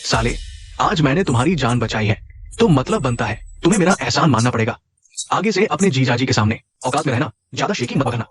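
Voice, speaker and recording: Arrogant menacing boyfriend, boastful and threatening, drama dub. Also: male voice, mid-range voice, lively intonation, brisk, husky. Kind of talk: Hindi drama dubbing.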